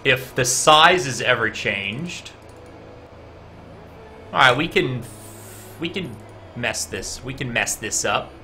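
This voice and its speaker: Bright-voiced man live-coding aloud. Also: medium pitch, animated, slow pace, pauses often, soft background music. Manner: chatty, talks to viewers in chat between code explanations; guessing and reasoning out loud with frequent "uh". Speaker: game developer streaming his coding.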